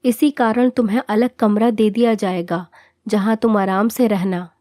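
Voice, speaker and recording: A woman's voice: mid-range voice, fairly even intonation, normal speed, mellow, dry recording, clean studio sound, lightly acted. A woman voicing a stern, traditional middle-aged mother-in-law who scolds and commands, in storybook narration. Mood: commanding.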